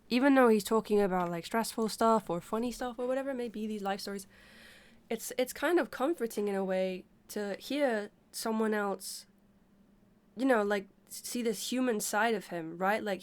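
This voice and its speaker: A woman sick with a stuffy nose chats casually to her livestream, speaking haltingly and pausing to breathe through her mouth. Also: mid-range voice, darkish tone. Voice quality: congested, stuffy-nosed. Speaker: livestreamer talking to viewers. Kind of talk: casual unscripted chat.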